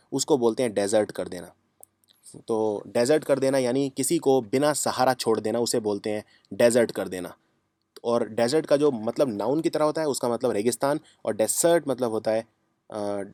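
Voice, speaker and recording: A man's voice: medium pitch, dark tone, dry recording, clean studio sound. A man teaching English vocabulary in Hindi, repeating the key words and asking and answering his own questions. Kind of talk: Hindi-language lesson explaining English words.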